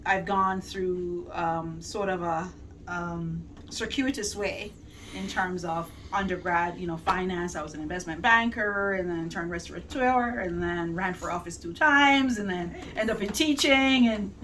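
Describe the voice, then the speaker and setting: A woman who works as an educator, speaking in a measured way with frequent "you know" and "um". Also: fairly low pitch, fairly bright tone. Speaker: guest, educator. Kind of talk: casual chat. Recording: distant mic in a noisy crowd.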